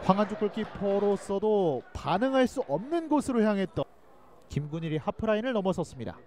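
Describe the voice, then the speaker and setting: A man giving live play-by-play football commentary, excitable and shouting out chances. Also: high-pitched, brisk, a little hiss or hum.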